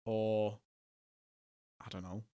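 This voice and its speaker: A man's voice: lowish voice, little pitch movement, slow pace, mellow. A young man hosting a podcast, chatting casually, laughing often and rambling through asides. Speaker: podcast host.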